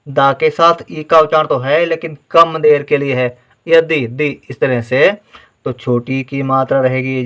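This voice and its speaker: A man's voice: medium pitch, a bit bright. A man teaching Hindi writing in a patient, step-by-step spelling lesson, sounding out each syllable and checking in with "theek hai" as he goes.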